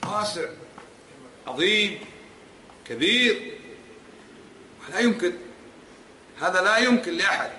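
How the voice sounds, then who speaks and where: A man's voice: high-pitched, animated, measured pace, pauses often, pushed and bright, a little hiss or hum. A man teaching as an Islamic scholar in a religious lecture, emphatic and repeating points, pressing the audience with rhetorical questions. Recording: echoey hall with faint ambience.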